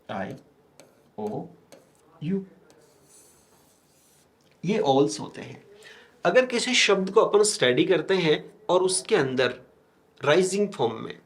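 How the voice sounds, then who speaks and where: Man, teacher, Indian English accent, slow deliberate delivery, asks and answers his own questions, classroom lecture. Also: fairly high pitch. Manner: explains step by step with frequent questions to students; writes on a board while talking.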